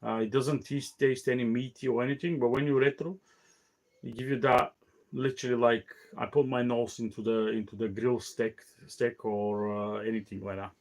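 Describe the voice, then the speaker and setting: Halting, tired man hosting a cigar show. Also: mid-range voice, level tone. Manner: halting, many fillers and restarts. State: tired, yawning. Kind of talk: casual solo talk show.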